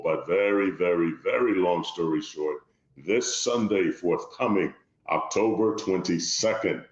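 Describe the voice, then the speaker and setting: Liberian-born man guest, very low voice, formal and measured, echoey dull remote audio. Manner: measured, formal, repeats "long story short". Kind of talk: interview conversation.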